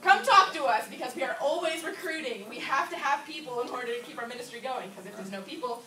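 Brief: energetic young woman from Florida, church announcements, echoey hall, far camera. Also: high-pitched, fast, crowd noise. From Orlando, Florida. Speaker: drama ministry team leader. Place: church hall with a wooden floor, indoors. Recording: echoey room from far off, noisy.

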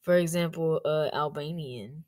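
A young woman chats her way through a casual vlog, rambling from one thought to the next. Her voice sits slightly low, and her talk is loose and unpolished. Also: a little slow, darkish tone. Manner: rambling and chatty, full of fillers. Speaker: YouTuber. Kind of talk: casual screen-recording vlog commentary.

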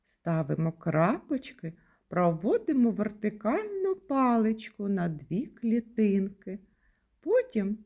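A woman's voice: medium pitch, highs cut off. A woman teaching young children in a patient, sing-song way, lifting her voice on key words. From Ukraine. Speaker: kindergarten teacher.

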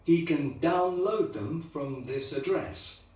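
An actor playing a man leaving a voicemail at a hotel, speaking slowly and spelling out his name letter by letter. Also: on the high side, lively intonation, darkish tone, far from the mic. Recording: echoey coursebook audio from a room speaker.

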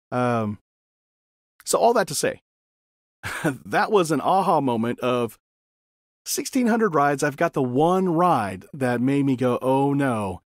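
A man of middle pitch hosts his own podcast and talks into a condenser mic. He tells a personal story in a loose, chatty way and keeps breaking off for side remarks. The sound is dry and close, with no room echo. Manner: rambling conversational storyteller with asides. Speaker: podcast host. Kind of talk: casual solo podcast storytelling. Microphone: condenser studio mic.

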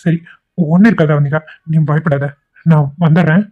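Worried young husband in a cartoon, mid-pitched, sounds like a cheap phone mic, voiced by an actor. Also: steady tone, moderate pace, phone-quality sound, natural voice. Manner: anxious, questioning, reassuring. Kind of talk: cartoon voice acting.

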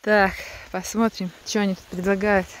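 A woman's voice: medium pitch, normal speed. Playful woman vlogging a road trip. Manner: lively, playful remarks. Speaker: travel vlogger. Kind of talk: casual travel vlog commentary. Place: in a car and outdoors in a rainy forest. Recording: noisy outdoor and car recording.

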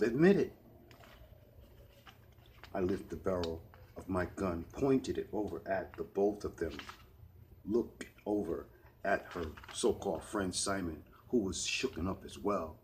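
A man's voice: low voice, slight background noise. A man reading a first-person story aloud with a heated, dramatic delivery. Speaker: narrator.

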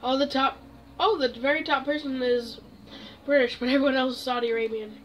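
A woman's voice: high voice, steady tone, brisk, distant mic, poor audio. A woman hosting a gaming video, chatting casually over her gameplay and muttering asides to herself. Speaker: gaming channel host.

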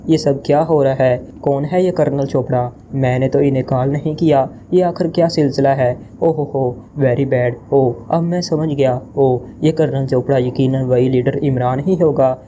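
A man's voice: medium pitch, fairly even intonation, moderate pace, hardly any pauses, mellow, slight background noise, lightly acted. A man voicing an agitated, anxious male head of state who barks orders, in an audio novel reading.

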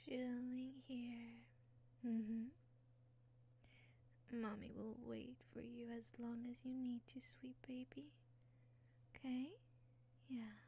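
A young woman doing an ASMR roleplay as a caring caretaker, whispering slowly and soothingly into a close mic, with frequent soft "mm-hmm" murmurs. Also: fairly high pitch, husky. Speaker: ASMR creator. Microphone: close sensitive mic.

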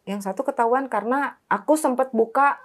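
High-voiced woman recounting an ordeal. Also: brisk. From West Java, Indonesia. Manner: lively storyteller who acts out quoted dialogue. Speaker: interviewee, former migrant worker. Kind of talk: recounting a personal ordeal in casual chat.

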